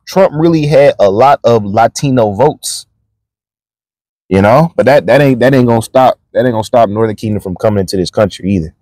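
A man's voice: mid-range voice, darkish tone, no room sound. A man giving casual, mocking reaction commentary, blunt and heavy with profanity. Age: adult, a father. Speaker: religious commentator.

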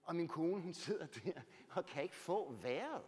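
Man, author, storytelling talk, fairly high voice, big swings from loud to hushed, long church echo. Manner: animated, swinging from loud bursts to near-whispers; rhetorical, keeps adding "right?".

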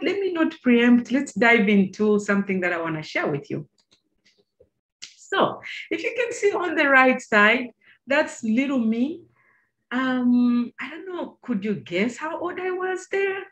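A middle-aged Zambian woman with a Zambian accent and a medium-pitched voice gives an informal, chatty slide presentation to students over a video call. She uses lots of fillers and keeps asking her listeners questions.

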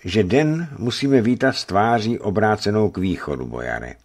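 Man doing old sea merchant, calm, deep low voice. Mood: thoughtful. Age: older.

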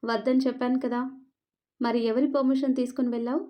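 A woman's voice: fairly high pitch, level tone, a little fast, dark tone, lightly acted. A woman voicing a stern possessive husband. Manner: harsh, demanding. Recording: dull lo-fi narration recording.

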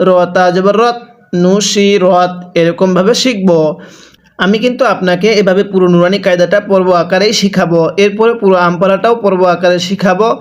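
High-voiced man slowly spelling Arabic syllables. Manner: spells syllables slowly and repeats them for the learner. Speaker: Quran reading teacher. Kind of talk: slow spelling drill lesson.

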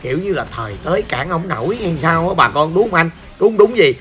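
A man with a Southern Vietnamese accent gives chatty, joking gameplay commentary as a gaming channel host, talking straight to his viewers while hoarse. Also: on the high side, lively intonation, brisk. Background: faint background music.

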